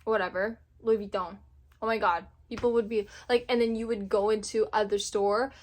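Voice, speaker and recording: A woman in her twenties from Indonesia, chatting casually to camera as a vlogger, animated and laughing often. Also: medium pitch, normal speed. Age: 20s.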